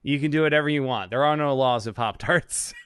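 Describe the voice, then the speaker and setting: A man's voice: mid-range voice, normal speed, fairly bright tone, clean tone, no echo. A man co-hosting a casual comedy podcast, rambling and swearing, often breaking into laughter. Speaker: podcast co-host.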